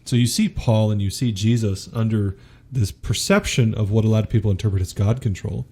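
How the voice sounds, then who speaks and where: A man's voice: lowish voice, steady tone, fairly quick, darkish tone, breathy edge. A man who is a podcast guest, talking earnestly about spiritual ideas in a preacher-like way. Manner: earnest, preacher-like, quotes scripture. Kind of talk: spiritual teaching in conversation.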